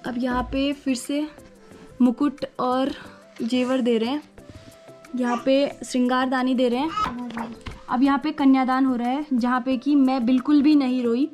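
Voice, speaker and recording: A woman's voice: high voice, little pitch movement, unhurried, darkish tone. A young woman from the Uttarakhand hills, chatting playfully and teasingly as she narrates her wedding photos. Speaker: vlogger, bride. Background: faint background music.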